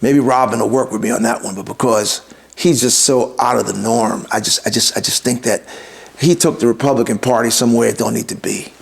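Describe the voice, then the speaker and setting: With a gravelly, mid-range voice and fairly even intonation, a male podcast host talks a little fast through a forceful opinion monologue. He addresses listeners directly, hammering points through repetition and a stream of rhetorical questions.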